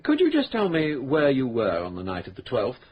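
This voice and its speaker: A courteous, dry-witted police inspector, husky-toned, with his pitch rising and falling widely as he asks his careful questions. He stays measured and faintly ironic. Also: wildly swooping pitch, muffled recording. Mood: formal. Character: polite, dry, patient male police inspector. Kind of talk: 1970s radio drama acting.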